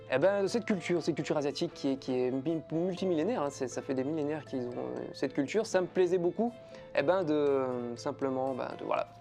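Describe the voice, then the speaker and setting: A man's voice: on the high side, a little mellow. A man chatting casually as a personal development vlogger, hesitant with many fillers and restarts, enthusiastic about what he unpacks. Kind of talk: casual unboxing vlog.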